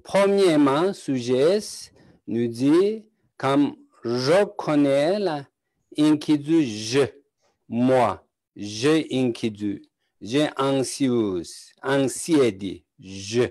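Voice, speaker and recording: A man with a Tibetan accent teaching Buddhist philosophy in halting French, speaking in short, searching phrases. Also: medium pitch, a little mellow, no echo. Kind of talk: slow teaching talk in broken French.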